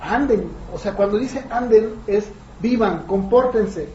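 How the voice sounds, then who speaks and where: High-voiced pastor, echoey hall. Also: male voice, a little slow, darkish tone, a little hiss or hum. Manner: keeps asking the congregation rhetorical questions. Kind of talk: conversational sermon. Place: church hall. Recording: echoey, dull lo-fi church room recording.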